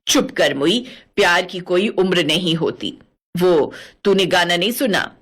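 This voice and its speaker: A woman voicing a bossy, sharp-tongued widowed mother-in-law in her sixties, in a cartoon. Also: lowish voice, lively intonation, measured pace, husky, pitched below the performer's own voice, full character voice. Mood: scolding. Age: 60s (figure). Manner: scolding, mocking. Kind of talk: cartoon voice acting.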